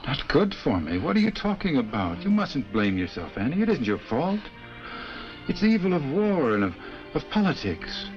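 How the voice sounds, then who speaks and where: An actor playing a proud, protective mining lawyer and husband who speaks with impassioned tenderness. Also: male voice, on the high side, sing-song, normal speed. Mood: tender. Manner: impassioned, tender toward his wife. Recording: dull 1950s TV soundtrack with music.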